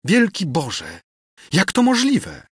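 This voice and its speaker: A man's voice: mid-range voice, big pitch swings, unhurried, a bit bright, slightly rough, no echo, studio quality, pitched above the performer's own voice, heavily acted. Man voicing an outraged noble princess. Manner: shocked, outraged exclamations.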